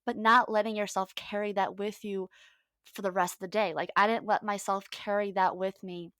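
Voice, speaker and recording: A woman coaching on mindset in a casual podcast chat, telling stories in a lively way and acting out what people said. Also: medium pitch, moderate pace, dry recording, studio quality. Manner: lively storytelling, acts out quoted lines.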